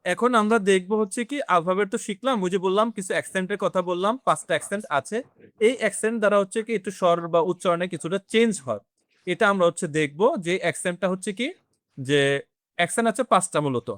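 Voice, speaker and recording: High-voiced man teaching a class. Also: a bit bright, dry recording, clean studio sound. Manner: explains slowly, quizzes the class, mixes in English words. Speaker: French teacher. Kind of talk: classroom lesson.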